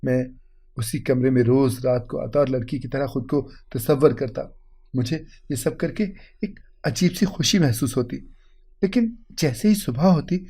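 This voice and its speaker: A man's voice: medium pitch, mellow, slightly rough. A man voicing a distraught young husband in a storybook tale; he cries, stammers and repeats his words. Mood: confessing. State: crying. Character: anguished young husband with a shameful secret.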